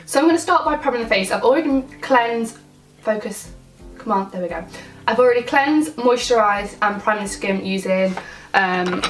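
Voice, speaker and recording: A beauty YouTuber, a young woman still recovering from an illness with swollen glands, talks through a makeup tutorial in a nasal, medium-pitched voice. She's chatty and rambling, with many ums. The mic is somewhat distant, and faint music plays.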